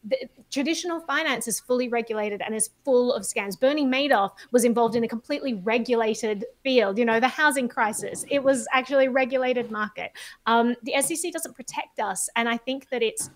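A woman in a casual panel chat, arguing her opinions emphatically. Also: fairly high pitch.

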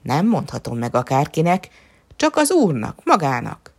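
A woman's voice: low voice, huge pitch swings, slightly rough, exaggerated voice. A woman voicing a poor, cunning peasant man who talks in a sly, easygoing way. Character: poor cunning male peasant, cheeky and calm.

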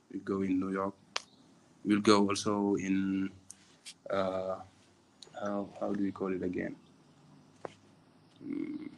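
A man's voice: sits low, creaky, noisy background. A man from Senegal with a Senegalese accent answers interview questions conversationally, hesitating and repeating phrases as he goes. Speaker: interviewee, tourism venture co-founder.

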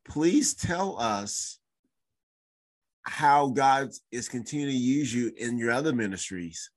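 A man's voice: medium pitch, expressive, takes it slowly. A man hosting a podcast, politely asking his guest guiding questions. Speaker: podcast host. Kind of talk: interviewing.

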